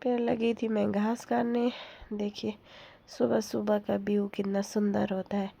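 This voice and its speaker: A woman's voice: medium pitch, little pitch movement, unhurried, gravelly, dark tone. A young woman narrating her day for her vlog in a chatty, rambling way, laughing now and then. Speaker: vlogger.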